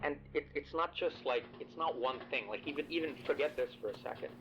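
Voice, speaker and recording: A man voicing a hesitant, anxious man on a call, halting and stammering, his voice bitcrushed and crunchy. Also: fairly high pitch, muffled recording, background noise. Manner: halting, stammering, repeats words.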